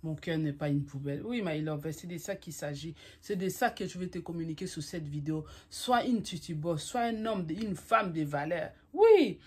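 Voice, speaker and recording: Husky woman giving emphatic pep talk. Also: low-pitched, expressive, normal speed, few pauses, a little mellow. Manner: emphatic, repetitive, addresses listener as "my lover"; mixes French with English phrases. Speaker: vlogger giving relationship advice. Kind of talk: motivational talk to camera.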